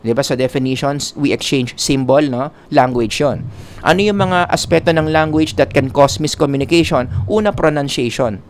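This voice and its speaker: A man with a slightly higher voice delivers a classroom psychology lecture. He slips in jokes and English asides as he goes. Faint noise sits under the recording. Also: normal speed. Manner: joking asides, mixing in English.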